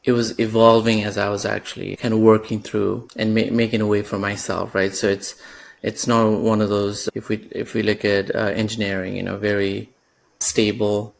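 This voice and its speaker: A Nepali man in his thirties appears as a guest on a podcast interview, reflecting on his career. His voice is on the low side with little pitch movement, vocal fry, and a moderate pace, and he uses lots of fillers and restarts.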